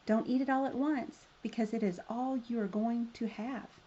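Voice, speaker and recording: A woman's voice: a little high, fairly even intonation, moderate pace, dark tone, husky, muffled recording. A woman reading the part of a cold-hearted stepmother in a storybook, curt and scolding. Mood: bossy, scolding. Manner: curt, bossy.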